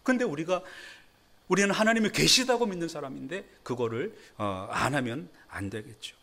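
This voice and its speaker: A middle-aged man gives a Sunday sermon as a pastor in a church, in a fairly high, very lively voice. His delivery is chatty and self-deprecating, and it jumps up when he stresses a point. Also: moderate pace. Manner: conversational preaching with self-deprecating laughs and sudden emphatic rises. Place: church sanctuary.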